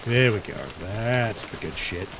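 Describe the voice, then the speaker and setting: A man's voice: on the low side, measured pace, heavy background noise. Wry man commenting on a game. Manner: wry, sarcastic, swears freely. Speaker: streamer. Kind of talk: casual gameplay commentary.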